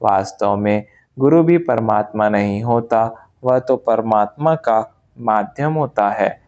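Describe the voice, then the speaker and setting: A man calmly reading a spiritual memoir aloud as an audiobook narration, in a measured, unhurried way. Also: fairly low pitch, dull audio. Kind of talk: slow scripted audiobook narration.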